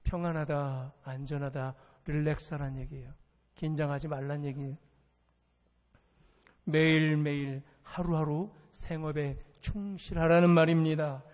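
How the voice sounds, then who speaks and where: A man's voice: on the high side, level tone, a little slow, muffled recording. A man preaching a sermon as pastor, emphatic and repetitive, firing rhetorical questions at his congregation. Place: church sanctuary. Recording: long reverb of a church sanctuary.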